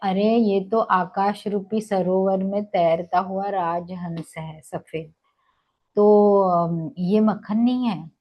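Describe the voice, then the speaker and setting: A woman's voice: medium pitch, steady tone, slow, highs cut off. A woman doing a sweet coaxing milkmaid. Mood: soothing. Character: kind village milkmaid coaxing a crying toddler.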